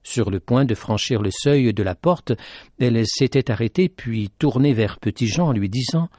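A man hosting a radio program, reading a story aloud in a measured, dramatic way. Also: medium pitch, darkish tone, no echo, studio quality. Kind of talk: scripted story narration.

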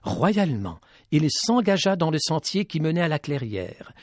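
A man narrating a tale in an expressive, dramatic reading style. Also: on the high side, moderate pace, dry recording, clean studio sound. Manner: dramatic, rising with tension. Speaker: storyteller.

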